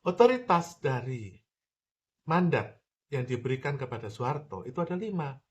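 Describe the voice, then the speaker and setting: A man's voice: medium pitch, big pitch swings, normal speed. A man giving a political commentary monologue, emphatic, repeating his points and addressing the listener directly.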